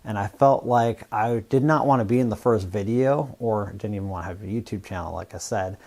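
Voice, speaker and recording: A man's voice: on the low side, fairly quick. Laid-back man talking to camera. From Washington State, US Northwest. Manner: relaxed, rambling, plain-spoken. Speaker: YouTube fabrication channel host. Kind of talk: casual talk to camera.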